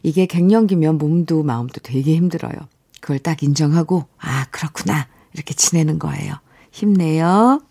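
Woman radio DJ, calm and unhurried, reading listener stories over quiet music. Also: deep voice. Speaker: radio host. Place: radio studio.

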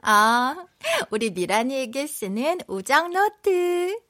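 A proud, playful pregnant wife. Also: female voice, sits high, sing-song, takes it slowly, pushed and bright, full character voice. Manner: emotional, wheedling then teasing. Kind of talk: radio drama acting.

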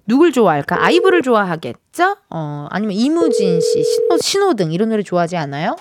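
A woman's voice: medium pitch, big pitch swings, a little fast. A woman hosting a radio show, chatting playfully with a young caller in a teasing, cheering manner. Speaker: radio host. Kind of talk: casual on-air chat with a caller. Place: radio studio.

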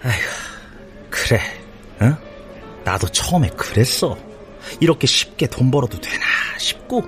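An actor playing a smooth-talking young recruiter who acts like a friendly older brother, chummy and persuasive. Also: male voice, medium pitch, sing-song, unhurried, fairly bright tone, faint music behind. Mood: coaxing. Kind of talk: TV drama acting.

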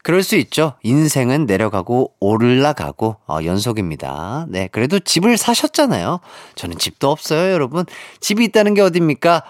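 A man's voice: mid-range voice, sing-song, normal speed, hardly any pauses, no echo, studio quality. A man hosting a radio quiz, joking playfully as he reads out listener messages. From Jeolla, South Korea. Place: radio studio. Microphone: studio microphone.

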